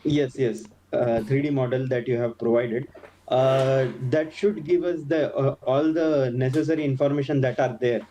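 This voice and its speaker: A man joining an online technical meeting, speaking haltingly with restarts. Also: medium pitch, steady tone, dark tone, slight background noise, low-quality recording. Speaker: meetup participant. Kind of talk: casual online meeting discussion.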